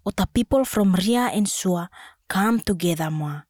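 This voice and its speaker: Female storyteller, Solomon Islands Pidgin accent, expressive narration, medium pitch, dry recording. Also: normal speed, dry recording.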